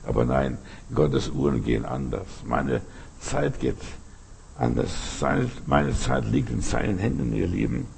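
A man preaching a sermon with fervor, breaking into loud shouted calls to his listeners. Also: lowish voice, big pitch swings, measured pace, creaky, slight background noise. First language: German. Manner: fervent, bursts into shouted calls.

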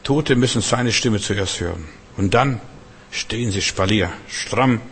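A man preaching a sermon, swinging between loud proclamations and quiet, conversational asides. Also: on the low side, a little slow, a little hiss or hum. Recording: long hall reverb.

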